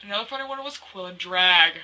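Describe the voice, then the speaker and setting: Teen girl vlogger, excitable rambling storyteller, very bright voice. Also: medium pitch, fast talker, slight background noise, rough recording. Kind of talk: casual vlog chat.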